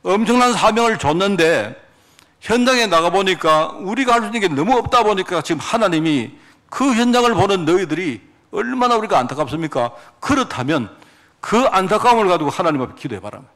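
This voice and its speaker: Male pastor, middle-aged, high lively delivery, preaching in church. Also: brisk. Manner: animated preaching, acting out quoted prayers. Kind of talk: sermon. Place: church sanctuary.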